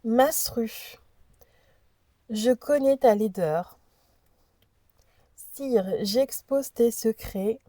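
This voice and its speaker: A woman's voice: a little high, extremely slow, pauses often, dark tone, no room sound. A woman host presenting an oracle deck in a casual chat, reading the card messages aloud and hesitating over unfamiliar names.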